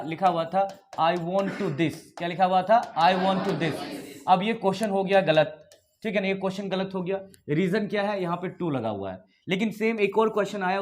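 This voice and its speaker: Teaching an English class in a blend of Hindi and English, an Indian-accented man laughs often and keeps quizzing his students. He has a high-pitched voice, and there's a little hiss or hum on the audio.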